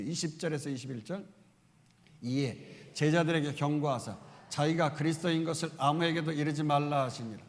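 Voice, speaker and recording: Gravelly pastor preaching in an echoing church. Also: male voice, fairly high pitch. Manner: emphatic, rhetorical questions. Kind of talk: expository sermon. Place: church sanctuary. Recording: reverberant church hall.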